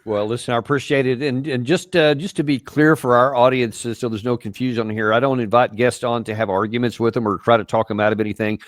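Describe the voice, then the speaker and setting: Guy hosting an interview, halting, lots of uhs, dry close mic. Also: medium pitch, fairly even intonation, dry recording. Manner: measured, halting with many fillers. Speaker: host. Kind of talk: interview host talk.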